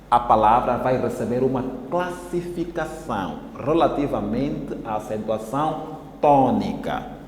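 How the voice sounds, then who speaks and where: A male teacher with an Angolan Portuguese accent, giving a televised classroom lesson and spelling out syllables slowly and deliberately. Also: medium pitch, darkish tone, a little hiss or hum. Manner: slow, deliberate, syllable-by-syllable explaining. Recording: echoey room with long reverb.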